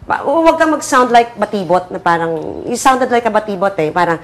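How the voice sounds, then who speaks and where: Animated woman directing actors. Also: medium pitch, fairly quick. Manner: animated, demonstrates lines, counts down takes. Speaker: acting director. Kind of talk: coaching actors on a set.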